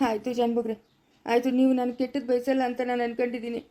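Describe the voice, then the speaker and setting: Woman as a sobbing, meek betrayed man, quick, high, dark tone, Chikkaballapura Kannada, village drama. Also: little pitch movement, natural voice. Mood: tearful. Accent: Kannada, Chikkaballapura area. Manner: pleading, sobbing lines. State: crying. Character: grieving betrayed younger man, tearful and meek. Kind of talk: amateur family village drama.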